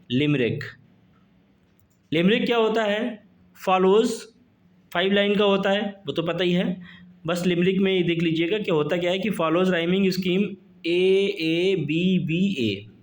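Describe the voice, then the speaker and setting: A man teaching an exam-prep lesson, who keeps asking his students questions and reads the English terms out slowly. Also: high voice.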